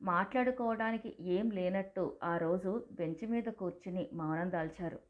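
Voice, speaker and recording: A woman's voice: fairly low pitch, moderate pace. Woman reading an audiobook story. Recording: slightly dull lo-fi audio.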